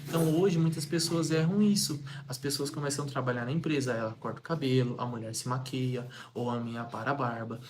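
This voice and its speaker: Energetic young man coaching. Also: mid-range voice, brisk, few pauses, a little hiss or hum. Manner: energetic, repetitive, rhetorical questions. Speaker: sales coach. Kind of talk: motivational talk to camera.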